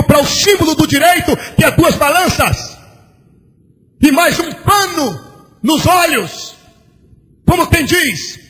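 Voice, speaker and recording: A pastor preaching a sermon, shouting bursts and a sing-song cadence as he acts out conversations, in an old church recording. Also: very high voice. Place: large church. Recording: old church recording with long hall reverb and faint hiss.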